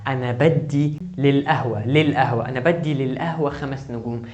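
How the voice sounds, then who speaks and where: A man's voice: mid-range voice, brisk, a little mellow, highs cut off. A man with an Egyptian Arabic accent teaching a German grammar lesson online, urging the viewer again and again to focus. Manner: urgent, repeatedly asks the viewer to focus.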